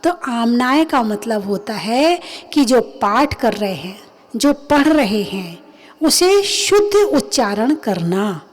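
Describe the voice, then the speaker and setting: A woman's voice: fairly high pitch, big pitch swings, takes it slowly. A woman, a Jain nun, giving a sermon, speaking emphatically and asking and answering her own questions. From India. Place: recorded during a religious discourse.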